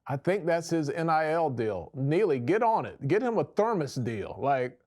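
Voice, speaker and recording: Animated man hosting casual banter. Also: on the high side, moderate pace. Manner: animated, joking. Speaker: talk show host.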